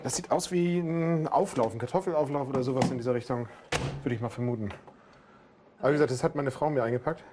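This is a quick-talking male nurse with a mid-range voice and a Berlin accent, keeping up friendly bedside banter with patients in a hospital emergency room. He's chatty and playful, ending phrases with "ne?" The background is noisy.

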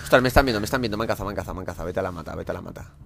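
Excitable Spanish man commentating gameplay. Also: sits low, very fast, vocal fry. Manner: excitable, talks to himself while playing, sudden loud outbursts. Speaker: gameplay streamer.

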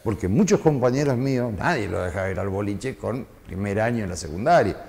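A man's voice: lowish voice, animated, a little fast, creaky, darkish tone, long reverb tail. A man in his fifties with an Argentine accent, a former DJ recalling the past in a rambling interview, with many fillers. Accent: Argentine Spanish. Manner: reminiscing, rambling with frequent fillers. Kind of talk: conversational interview.

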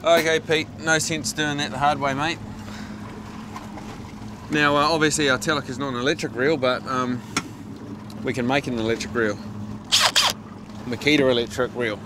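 Here a fishing-show host speaks from a boat out at sea, his medium voice steady, at normal speed, with frequent pauses. It's casual on-camera narration, chatty, jokey and playfully dramatic, caught on a lapel mic over background music.

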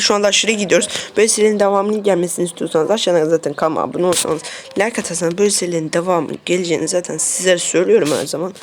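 Brief: mobile game streamer, mid-pitched, chatty live commentary, faint hiss and tapping behind. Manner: repeats short phrases, talks straight to viewers. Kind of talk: casual gameplay commentary. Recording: faint noise and clicks.

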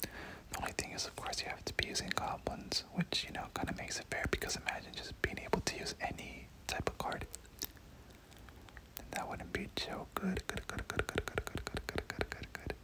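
In breathy, unvoiced whispers at a close mic, this gaming video host delivers slangy, relaxed ASMR gameplay commentary at a moderate pace. Small words and phrases get repeated often, and the recording quality is rough.

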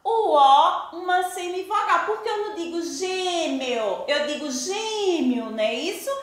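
High, lively Brazilian woman teacher. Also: fairly quick. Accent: Brazilian Portuguese. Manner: patient, explains step by step with rhetorical questions. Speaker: primary school teacher. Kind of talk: recorded class lesson. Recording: echoey room.

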